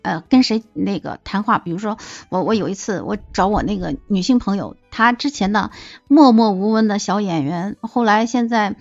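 Playful woman telling lively anecdotes. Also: medium pitch, normal speed, gravelly, no echo, dull audio, soft background music. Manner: lively, acts out quoted dialogue; playful, wisecracking. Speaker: podcast guest. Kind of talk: casual storytelling chat.

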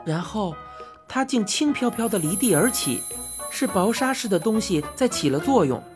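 A woman narrating a children's storybook in an expressive reading style. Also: mid-range voice, normal speed, over music.

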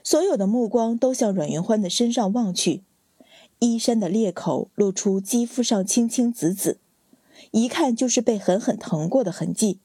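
A woman narrates an audiobook story with an even, storytelling delivery. Her voice is mellow and soft, slightly husky, and it is heard up close and dry. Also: a little high, moderate pace, dry recording. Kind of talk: audiobook narration of a palace drama.

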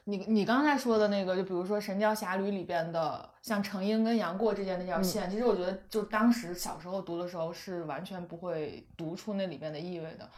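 A woman's voice: on the low side, steady tone, fast talker, few pauses, darkish tone. A woman in a casual chat, thoughtfully recalling and reflecting on details.

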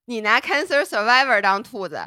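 A woman's voice: fairly high pitch, expressive, normal speed, bright, forceful tone, smooth, dry recording, studio quality. A woman podcast co-host chatting casually, teasing and playful. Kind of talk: casual chat.

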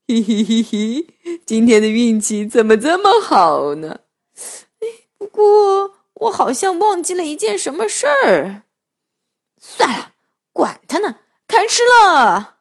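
Storybook grey wolf, greedy and gleeful, bouncy lively voice, a woman putting him on. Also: high voice, slow, full character voice. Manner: gleeful, chuckling to himself. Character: cheerful greedy big grey male wolf.

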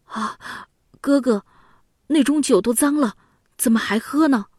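A woman voicing a gentle, self-sacrificing younger prince who speaks tearfully, in a storybook reading. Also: sits high, a little slow, breathy edge, dry recording, studio quality, voice pushed up.

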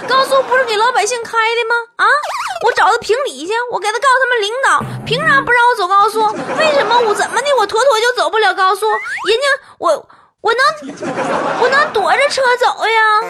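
A woman's voice: extremely high pitch, a little fast, a crowd in the background, noisy background, pitched above the performer's own voice. Woman doing a sobbing, whiny grown man. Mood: sobbing whine. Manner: wailing, pleading, childish.

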